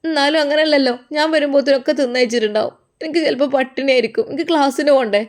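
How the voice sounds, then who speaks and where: A woman's voice: high voice, racing, natural voice. A woman voicing a young daughter-in-law who complains tearfully, speaking with a Malappuram Malayalam accent. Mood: whining. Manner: tearful, whining, accusing.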